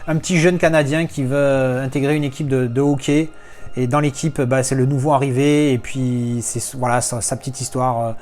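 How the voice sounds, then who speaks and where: A man's voice: medium pitch, a little mellow. A man walking through his film collection in a casual, enthusiastic, rambling way, often restarting his sentences. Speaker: video reviewer.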